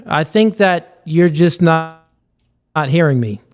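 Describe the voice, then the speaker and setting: Man hosting a live stream, slightly high voice, relaxed, casual chat, online call mic. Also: slow pace. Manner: laid-back, calls people man. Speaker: stream host.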